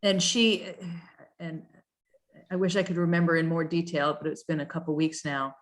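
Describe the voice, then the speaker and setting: A woman's voice: low-pitched, fairly even intonation, moderate pace. A woman on staff leading a town commission's review, reading regulation text aloud and thinking it through with hesitant fillers and restarts over a video call.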